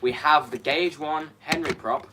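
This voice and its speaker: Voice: mid-range voice, measured pace, very noisy. A co-host in a casual show-and-tell who chats through each item and corrects details along the way. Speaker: co-host presenting model props.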